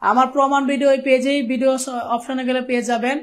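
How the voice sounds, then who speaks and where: Young Bangladeshi man, online class teacher, rapid and conversational, playful with students. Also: extremely high pitch, little pitch movement, a bit bright. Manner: chatty, teasing students, keeps asking "okay?". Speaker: ICT teacher. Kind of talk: live online class lecture.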